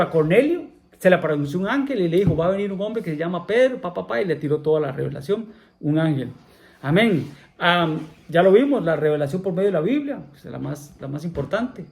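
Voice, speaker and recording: A man's voice: sits high, sing-song, brisk, creaky. Man preaching in church, keeps saying amen and repeating himself, throws questions at the congregation. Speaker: pastor. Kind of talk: sermon.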